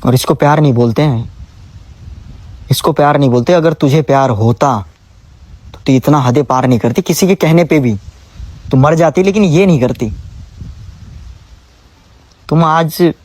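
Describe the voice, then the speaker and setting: Young man, emotional vlog, scolding and pleading, slightly high pitch. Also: a little mellow. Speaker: vlogger. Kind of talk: emotional direct-to-camera vlog.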